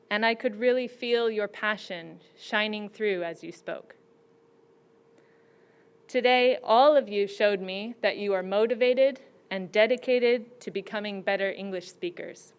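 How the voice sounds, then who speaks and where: A woman judge giving prepared, teacherly advice to students in a slow and deliberate way. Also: mid-range voice, smooth.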